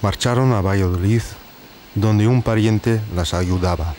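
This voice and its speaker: A man from reads a scripted, letter-like narration in a reflective manner of quiet grief. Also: lowish voice, unhurried, slight background noise. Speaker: documentary narrator.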